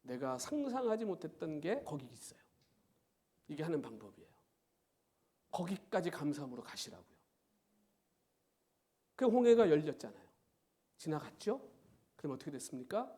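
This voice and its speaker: Middle-aged pastor guy preaching in a church, voice sits high and swings all over, keeps throwing questions at the crowd. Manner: animated preaching, rhetorical questions to the congregation. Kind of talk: sermon. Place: church sanctuary.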